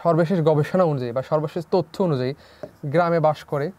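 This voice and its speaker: Young male tutor with a somewhat high voice for a drill-style online lesson. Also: brisk, a little mellow. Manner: repeats key figures as questions to students. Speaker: teacher. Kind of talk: online class lecture.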